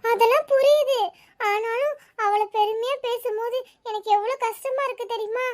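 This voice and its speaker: A woman's voice: extremely high pitch, normal speed, darkish tone. A woman voicing a sulky schoolgirl, an older sister who feels overlooked and complains in a mopey way. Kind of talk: cartoon voice acting.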